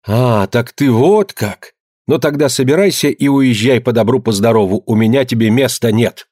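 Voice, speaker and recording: A man's voice: mid-range voice, normal speed, a little mellow, no room sound, clean studio sound, close to an everyday voice. A man reading a story, voicing an elderly village mother who scolds her daughter in breathless outbursts. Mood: scolding. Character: scolding elderly peasant mother, quick-tempered.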